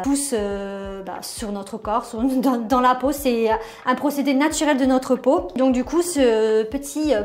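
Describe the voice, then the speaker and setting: A young woman in her twenties vlogging her morning and skincare routine in a casual, chatty way, with many fillers and phrases that trail off softly. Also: a little high. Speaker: beauty vlogger. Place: small echoey bathroom at home.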